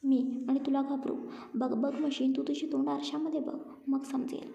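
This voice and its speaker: A woman's voice: sits high, fairly even intonation, normal speed, vocal fry, mellow. A woman doing a cocky teasing elder brother. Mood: mocking. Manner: mocking, cocky. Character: teasing, boastful young man, protective elder brother. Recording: roomy, muffled lo-fi recording.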